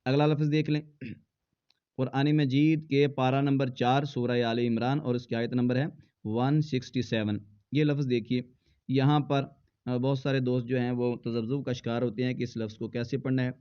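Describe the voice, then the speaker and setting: A man teaching Quran recitation who spells words out letter by letter and then chants them slowly in a drawn-out voice. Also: mid-range voice, little pitch movement, smooth. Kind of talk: slow spelled-out recitation lesson. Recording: dull lo-fi sound.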